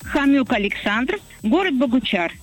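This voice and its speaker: A woman's voice: sits high, expressive, moderate pace, soft background music. A middle-aged woman calling in to a radio show, speaking simply and conversationally. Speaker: radio show caller, soldier's mother. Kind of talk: simple conversational phone-in talk and greetings.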